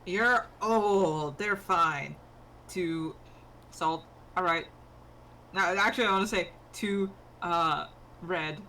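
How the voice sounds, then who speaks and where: Woman gm narrating a tabletop rpg, casual, sharp bright tone, bit of noise behind. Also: fairly low pitch, slow pace. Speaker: game master.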